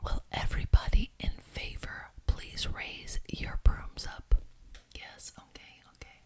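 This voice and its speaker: A woman chairs a coven meeting as a witch in ASMR roleplay, gracious on the surface but clearly bossy. Her voice stays close to everyday speech, officious and polite, and she speaks deliberately, repeating words to stress them.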